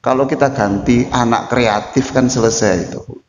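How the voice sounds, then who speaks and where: A man's voice: mid-range voice, moderate pace, a little hiss or hum. An older man with an East Javanese accent preaching and joking with his audience, often switching into Javanese and calling listeners Pak and Bu. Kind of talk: lively sermon Q&A with audience. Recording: echoey hall, dull lo-fi sound.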